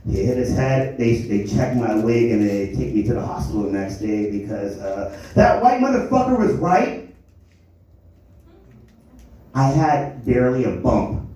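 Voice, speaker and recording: A young man from Germany works a stand-up set, rambling through self-deprecating stories with frequent stumbles and restarts. His voice is mellow and dark, picked up from a distance in a very echoey club. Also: lowish voice, moderate pace. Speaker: stand-up comedian. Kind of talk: live stand-up comedy. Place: comedy lounge stage.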